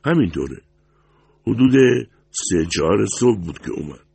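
A man voicing a big, calm diner manager with a deep voice, speaking politely and formally. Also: gravelly, husky, no room sound, exaggerated voice.

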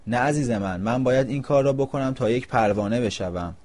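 A man doing a calm, kindly grey caterpillar. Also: medium pitch, close to an everyday voice.

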